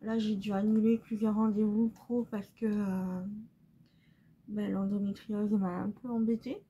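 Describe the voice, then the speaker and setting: A young woman speaks slowly and hesitantly as she does her makeup at home, her soft, mellow voice broken by frequent pauses and fillers. The recording is a little dull, with faint room ambience behind her. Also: mid-range voice, little pitch movement, husky. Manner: hesitant, halting, many fillers; soft and subdued. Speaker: beauty vlogger. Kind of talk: casual chat while doing makeup.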